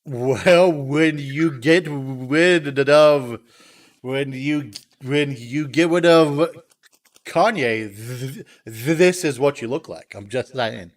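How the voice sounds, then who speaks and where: Speaking slowly in a mid-range voice, this podcast co-host chats casually, teasing and tripping over himself with frequent restarts. He is recorded off the mic, at a distance.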